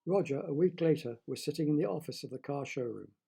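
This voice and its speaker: A man reading a story aloud with lively, dramatic narration. His voice is slightly husky and pitched a touch high for a man. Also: fast talker.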